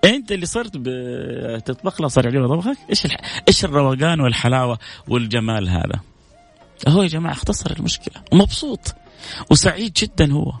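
Fast, gravelly man. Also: mid-range voice, faint music behind. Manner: animated, playful, acts out both sides of an argument. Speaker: radio show host. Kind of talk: casual advice talk.

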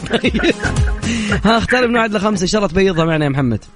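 A man's voice: sits high, animated, very fast. A man with a Saudi accent hosting a radio call-in quiz, teasing and bantering with callers. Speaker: radio game show host. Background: music.

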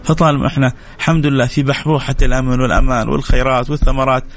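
Man, radio host, rapid casual chat, rough creaky voice. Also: mid-range voice, soft background music. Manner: warm greetings, quick lively delivery. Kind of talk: casual live radio chat, reading listener names.

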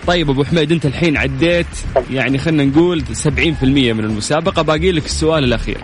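A man's voice: a little high, rapid-fire, slight background noise. A man with a Saudi accent hosting a radio call-in quiz, teasing callers and laughing often. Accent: Saudi Arabian.

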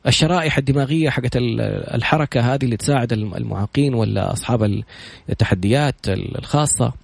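Fast-talking husky Saudi man. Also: medium pitch, dry recording. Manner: rapid, animated, retells others' stories. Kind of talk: motivational storytelling monologue.

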